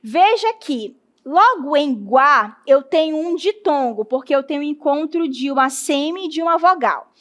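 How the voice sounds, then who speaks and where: A Brazilian woman teacher with a high voice takes her class through a lesson one step at a time. She stretches out syllables as she spells them and keeps checking in with the students. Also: animated, unhurried, hardly any pauses. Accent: Brazilian Portuguese.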